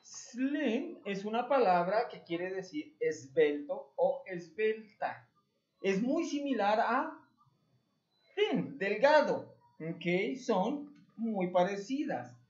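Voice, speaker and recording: Slow, animated woman teaching young children. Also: mid-range voice. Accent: Mexican Spanish. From Mexico. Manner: slow, patient, spells words letter by letter; calls the pupils "hijos", praises often. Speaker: English teacher. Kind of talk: remote lesson for young children. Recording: roomy, dull lo-fi home recording.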